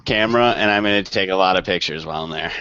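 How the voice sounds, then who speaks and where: A man's voice: low-pitched, racing, pushed and bright, smooth, dry recording. A young American man co-hosting a podcast on a video call, casual and teasing. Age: young adult. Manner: joking, teasing. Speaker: podcast co-host. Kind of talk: casual chat. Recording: slightly dull video-call audio.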